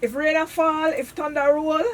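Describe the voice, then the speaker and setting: A woman's voice: high voice, fairly even intonation, moderate pace, fairly bright tone, recorded from a distance. A Jamaican woman with a Jamaican accent, a comedic actress telling funny phone-call stories in patois on a radio interview, laughing often.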